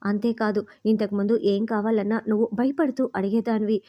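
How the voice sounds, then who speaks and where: A woman's voice: mid-range voice, fairly even intonation, fairly quick, muffled recording, natural voice. A woman voicing a worried, devoted husband and father in a read-aloud serial recap, in her plain reading voice. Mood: earnest.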